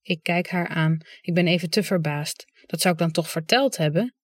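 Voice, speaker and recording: An audiobook reader giving calm, understated first-person literary narration. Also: medium pitch, moderate pace, dry recording, clean studio sound.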